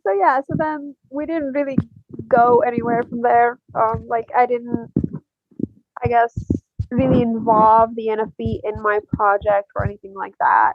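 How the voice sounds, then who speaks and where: A young woman from Algeria, a podcast guest, talks in a casual, hesitant way with many fillers and soft laughs. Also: a little high, level tone, moderate pace, no echo, phone-quality sound. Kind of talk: casual interview chat.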